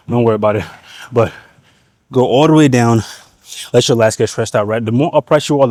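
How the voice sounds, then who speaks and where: A man's voice: mid-range voice, mellow, no room sound. A man vlogging from the gym, coaching viewers through a back workout in a laid-back, slangy way, a little out of breath. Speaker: fitness vlogger. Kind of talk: casual gym vlog talk to camera.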